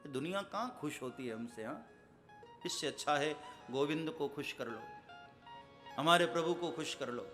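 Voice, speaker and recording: Bright-voiced male katha preacher. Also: fairly high pitch, lively intonation, moderate pace, pauses often, faint music behind. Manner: storytelling, chanting verse couplets, addressing listeners directly. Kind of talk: devotional story sermon.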